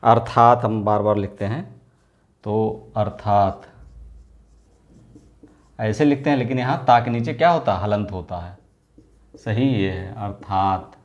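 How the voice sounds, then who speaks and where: A man teaching an exam-prep lesson, repeating each word and firing off quick rhetorical questions in an informal, coaxing way. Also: lowish voice, muffled recording. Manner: drills words by repetition, asks quick rhetorical questions.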